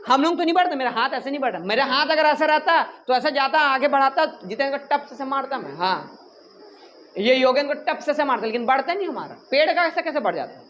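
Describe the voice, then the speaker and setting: A very high-voiced man teaches animatedly, cracking jokes, quizzing and teasing students, and snapping at the chatty ones, like a lively classroom lecture. The highs in the audio are cut off, and faint noise sits beneath him.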